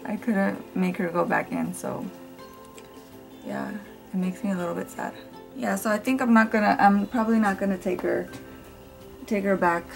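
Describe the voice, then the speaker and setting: A young woman chatting casually while doing her makeup at home, her voice raspy from just waking up, rambling with fillers and small laughs. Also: medium pitch, very animated, moderate pace, long pauses, faint music behind, rough recording. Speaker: beauty vlogger. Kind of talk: casual get-ready-with-me chat. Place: home room with family nearby.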